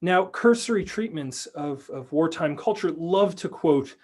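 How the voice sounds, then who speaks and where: A man lecturing on a video call, reading a prepared paper in a measured way and then answering questions with many fillers and restarts. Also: a little high, animated. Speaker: lecturer and researcher.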